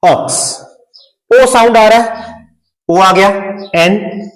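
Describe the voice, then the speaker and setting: A man with an Indian English accent teaches grammar to students at a deliberate, unhurried pace, drilling example words again and again. His voice sits high and swings widely in pitch. The sound bounces around a reverberant room. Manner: slow, emphatic, repeats words for drilling. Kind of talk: classroom-style grammar lesson.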